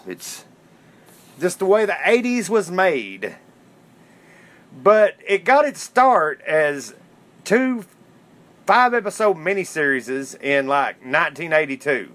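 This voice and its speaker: Retelling the history of cartoons, this man talks loosely and informally like an eager fan on his solo podcast. His voice is on the high side and somewhat bright.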